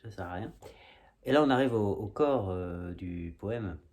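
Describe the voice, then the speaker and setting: A man reads his own humorous verse aloud at home for a casual video, adding self-mocking asides along the way. He sounds fairly low and a little mellow, animated but a little slow.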